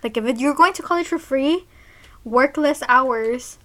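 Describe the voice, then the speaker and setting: A woman's voice: high-pitched, a little slow, a bit bright. A young woman in her late teens co-hosting a casual podcast, rambling and leaning on constant "like" fillers. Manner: rambling, filler-heavy with lots of "like". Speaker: podcast co-host. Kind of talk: casual chat.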